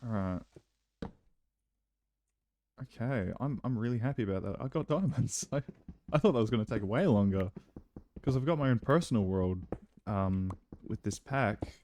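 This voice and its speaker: A young man giving casual let's-play commentary, chatty and rambling, breaking into excited outbursts now and then. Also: fairly low pitch, normal speed, pauses often. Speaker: gameplay commentator.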